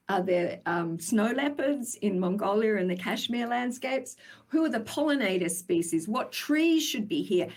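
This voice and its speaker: Woman thinking aloud in conversation. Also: medium pitch. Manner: thinks aloud, restarts sentences, asks rhetorical questions. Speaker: sustainability expert guest. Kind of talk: conversational interview answers.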